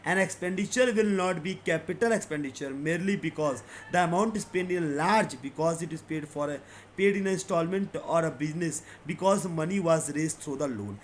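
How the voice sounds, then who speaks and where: High-voiced male teacher, slow reading then quick explaining. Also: slight background noise. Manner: reads English definitions slowly, then explains quickly in Hindi; addresses students as beta and sir. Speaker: commerce teacher. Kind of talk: exam-prep accounts lesson.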